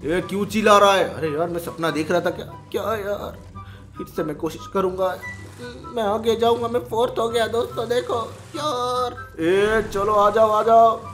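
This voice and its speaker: A man doing excited gameplay commentary, switching between playful cartoon character voices. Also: high-pitched, moderate pace, soft background music. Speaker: gaming YouTuber.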